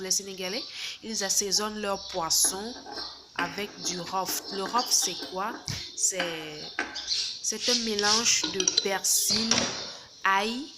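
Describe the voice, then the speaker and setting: Slow-talking woman explaining a recipe. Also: lowish voice. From not from Senegal. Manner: explains step by step, repeats "d'accord?". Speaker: home cook. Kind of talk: cooking tutorial. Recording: loud background noise.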